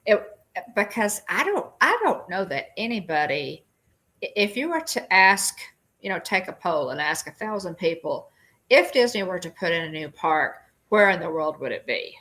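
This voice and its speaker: A woman's voice: on the low side, big pitch swings, moderate pace, fairly bright tone. A woman hosting a casual livestream chat, reading viewer comments and talking with lots of fillers and restarts. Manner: chatty, many fillers and restarts.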